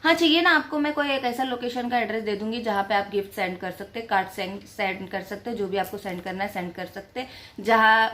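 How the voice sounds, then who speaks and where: A woman's voice: mid-range voice, a bit bright. A young woman vlogging from home, chatty and emphatic, repeating her points. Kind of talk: casual to-camera vlog talk.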